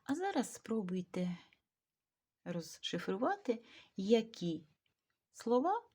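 A woman teaching a video grammar lesson, slowly dictating words with care. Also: fairly high pitch, sing-song, dark tone, breathy edge. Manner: slow, careful dictation of words.

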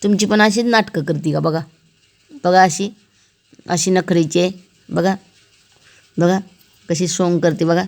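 A woman's voice: on the low side, fairly even intonation, unhurried, long pauses, a little mellow. A woman vlogging about her pet cat in a playful, teasing way, often repeating words and asking viewers questions. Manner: asks the viewers questions directly.

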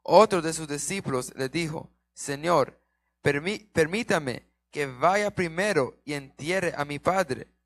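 Guy reading scripture really slowly, kinda high, dry close sound. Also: fairly bright tone, dry recording. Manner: slow, careful reading with small stumbles. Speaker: scripture reader. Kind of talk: slow reading aloud of Bible verses.

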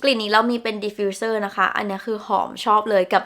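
A woman's voice: mid-range voice, level tone, a little fast, a bit bright. A young woman chatting casually through a perfume review, descriptive and gushing, with polite particles. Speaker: beauty vlogger.

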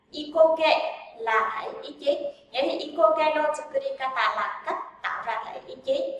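A woman's voice: high-pitched, a bit bright, slight background noise. A woman teaching a language grammar lesson, drilling examples aloud and asking her students rhetorical questions. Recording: very echoey room, voice from a distance.

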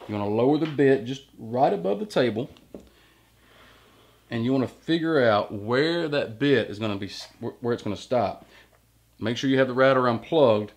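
A man in his thirties, a workshop channel host, explaining step by step how to use a jig while working at the bench in a large indoor woodshop. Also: mid-range voice. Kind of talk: hands-on workshop tutorial. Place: large indoor woodworking shop.

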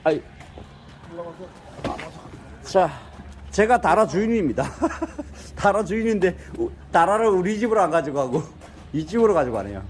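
A man's voice: high voice, sing-song, moderate pace, long pauses, slight background noise. An older man chatting casually as a vlogger at his rural home, telling folksy stories and chuckling often. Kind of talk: casual vlog narration.

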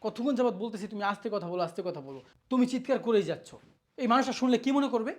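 A woman's voice: high voice, steady tone, very fast, close to an everyday voice. A woman playing a husband who pleads with his angry wife to treat his sister kindly. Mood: pleading. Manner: pleading and reasoning. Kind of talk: short film acting.

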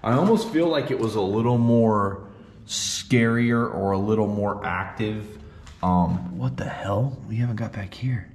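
A man's voice: on the low side, measured pace, darkish tone. A man in his thirties filming a casual ghost-hunting vlog, talking in a slangy, uneasy way to viewers and spirits. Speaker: solo paranormal investigator, host. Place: abandoned jail at night, indoors and just outside. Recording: echoey empty building, faint noise.

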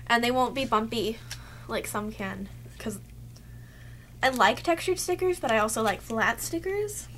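A young adult beauty vlogger, slightly ill and losing her voice, chats to camera about her haul from a cluttered bedroom, using lots of "like." Her fairly high voice is expressive, a bit bright and a little slow. A faint hiss or hum sits underneath.

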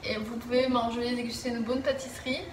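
This woman in her thirties speaks fairly quickly, in a fairly high, flat voice, as she answers viewer questions to camera from her living room, often restarting and using fillers. The camera sits a bit far off, giving a roomy echo, and the background is noisy.

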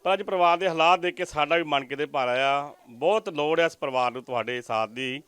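Fast-talking Punjabi man reporting. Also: on the high side, a bit bright, clean tone, dry recording. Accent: Punjabi, Majhi. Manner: earnest, pleading appeals to viewers. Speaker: news reporter. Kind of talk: field report interview. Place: village outdoors.

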